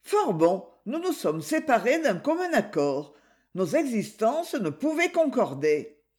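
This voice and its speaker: A woman's voice: fairly high pitch, big pitch swings, a little slow, darkish tone, pitched above the performer's own voice. A woman reading aloud, voicing a young divorced woman, a former nightclub singer, in a raised, pleading voice. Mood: explaining. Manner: pleading, emotional.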